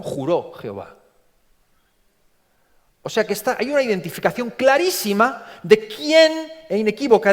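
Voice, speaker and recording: Animated preacher from in a big hall. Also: male voice, sits high. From Spain. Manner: animated, repeats words, acts out quotes in a story. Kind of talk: sermon. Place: large church. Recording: long reverb from a church hall.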